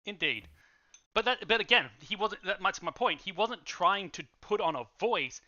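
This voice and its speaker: Male podcast co-host, higher voice, emphatic, lo-fi recording. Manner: animated, emphatic, quick bursts. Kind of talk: casual chat. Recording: dull lo-fi audio.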